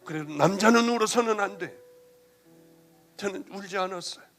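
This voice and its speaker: A middle-aged male pastor giving an emotional sermon testimony, moving between loud passages and hushed ones. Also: high voice, normal speed, faint music behind.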